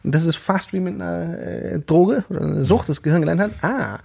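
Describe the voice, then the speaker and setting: A man talks earnestly in a relaxed chat and explains his thoughts at length. His voice sits a bit high for a man, gravelly and husky. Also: brisk. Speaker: podcast guest. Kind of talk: casual chat.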